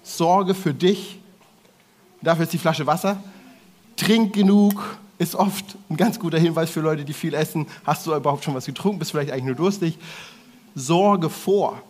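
A man preaching to a congregation in a lively way, talking directly to the audience with playful asides. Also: on the high side, brisk. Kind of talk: sermon to a congregation.

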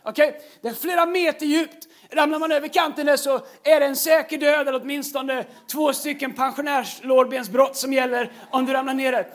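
A man's voice: very high-pitched, hardly any pauses. A man preaching a sermon, telling a funny story with lots of fillers, repeats and laughter. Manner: animated, breaks into laughter, frequent fillers and repeated words. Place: large church stage.

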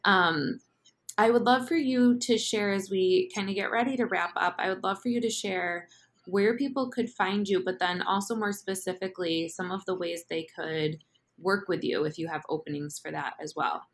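A woman's voice: mid-range voice, normal speed. A woman hosting a podcast interview, reflecting on and summarizing what her guest says. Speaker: podcast host.

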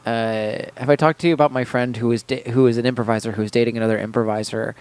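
A man on a podcast telling a story in a loose, rambling way. He backs up and rephrases often. His pitch is average for a man. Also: fairly even intonation, fast, darkish tone, clear, resonant tone, dry recording. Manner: rambling, self-correcting. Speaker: podcast co-host. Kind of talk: casual chat, storytelling.

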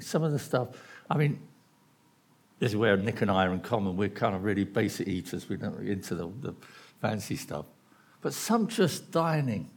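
Hoarse man preaching a sermon. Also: mid-range voice, a little mellow. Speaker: pastor. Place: church hall.

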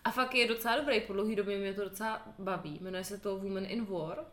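A woman's voice: medium pitch, steady tone, fairly bright tone. Teasing Czech woman in an echoey room. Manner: teasing, laughs along. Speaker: podcast co-host. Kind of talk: casual chat. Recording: echoey room with faint noise.

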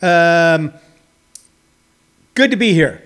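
A man hosting a live talk show with an off-the-cuff monologue, halting and emphatic, repeating phrases for weight. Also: a little high, lively intonation, a bit bright. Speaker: host of a daily live comedy talk show.

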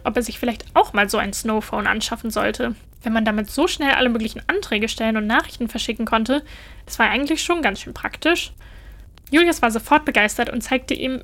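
A woman narrating a children's story in a gentle, even storytelling manner. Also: fairly high pitch.

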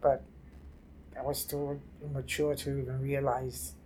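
An older woman from New City, telling her life story haltingly in an oral history interview. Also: extremely low pitch, little pitch movement, mellow, a little hiss or hum. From New York City. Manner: halting, repeats and restarts phrases. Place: library office.

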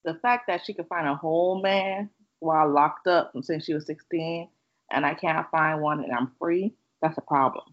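Low-voiced, wry woman co-host. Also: fairly even intonation, normal speed. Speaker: podcast co-host. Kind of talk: casual podcast chat. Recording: dull lo-fi audio.

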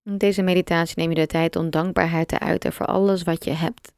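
A woman leads a guided meditation in a low, gravelly voice. She talks slowly and softly, leaving long pauses, and the recording is close and dry. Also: dry recording. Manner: slow, soft and calm, with long pauses.

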